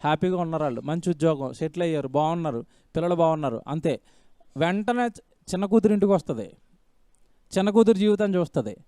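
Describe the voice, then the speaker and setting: A man with a high, smooth voice preaches a sermon, pressing his points with questions to the congregation and repeated lines. The sound is dry and close, with no room echo. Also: animated, fast, long pauses, dark tone. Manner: emphatic preaching with rhetorical questions and repeated phrases. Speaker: pastor.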